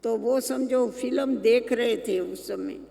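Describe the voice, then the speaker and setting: Very high gravelly man explaining a spiritual text real slow. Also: warm tone, in a large hall. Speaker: spiritual class teacher. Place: meditation centre hall.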